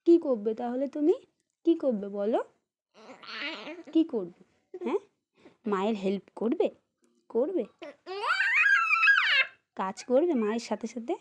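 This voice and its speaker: Young woman, mother, baby talk, sing-song coaxing questions, slow, loud background noise. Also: fairly high pitch, animated. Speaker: mother and lifestyle vlogger. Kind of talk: baby talk to her infant son.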